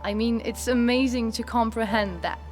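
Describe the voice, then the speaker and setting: A woman's voice: on the high side, fairly even intonation, moderate pace, a little mellow. A woman speaking as an expert in a documentary interview. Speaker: cave salamander expert. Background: prominent background music.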